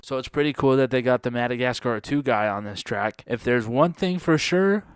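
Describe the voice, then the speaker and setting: A man's voice: mid-range voice, normal speed, clear, resonant tone, dry recording, clean studio sound. A man hosting a casual ranking commentary, sarcastic and joking, with playful jabs. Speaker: host.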